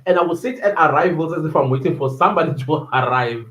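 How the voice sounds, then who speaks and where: A man's voice: a little high, fast, fairly bright tone, roomy sound, rough recording. A man in his thirties from Durban with a South African accent, talking casually on his solo podcast, rambling and searching for words with many fillers. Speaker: podcast host.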